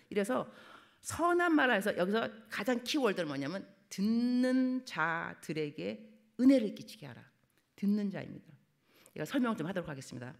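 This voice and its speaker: A middle-aged woman missionary preaching a sermon in a church, acting out quoted family talk in lively voices. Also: medium pitch. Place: church sanctuary.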